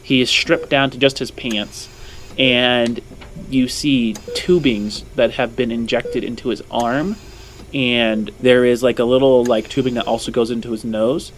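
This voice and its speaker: A man with a mid-range voice, fairly even intonation and a measured pace narrates a tabletop roleplaying game as game master. He improvises scene descriptions and says "like" frequently while doing so.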